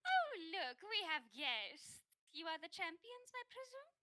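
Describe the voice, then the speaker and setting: A woman voicing a graceful, slightly unsettling bird-like high priestess who speaks formally and politely. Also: very animated, bright, forceful tone, heavily acted. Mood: welcoming. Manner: formal, polite, halting in-character speech.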